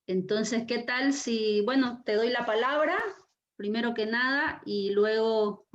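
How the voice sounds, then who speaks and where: Expressive woman lecturing over a muffled video call. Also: a little high. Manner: very expressive, emphatic, slows to stress words. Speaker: university lecturer and session host. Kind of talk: online class lecture. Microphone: video call microphone. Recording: dull lo-fi video call audio.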